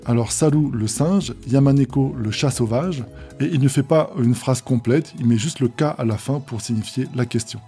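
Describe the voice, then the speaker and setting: A language teacher with a mid-range, dark-toned voice speaks at normal speed over soft background music. He reads Japanese phrases from a manga aloud, then explains each one patiently, step by step.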